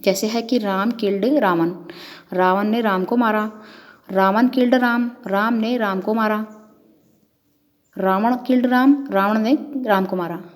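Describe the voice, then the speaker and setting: A woman's voice: mid-range voice, fairly even intonation, a little slow. A woman professor giving an academic lecture, working methodically through numbered points and examples. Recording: long hall reverb.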